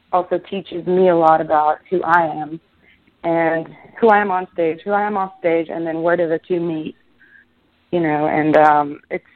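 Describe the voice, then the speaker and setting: A woman from Israel, a musician being interviewed, talking casually and rambling with many restarts and fillers. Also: fairly low pitch. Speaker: musician guest. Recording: tinny phone line.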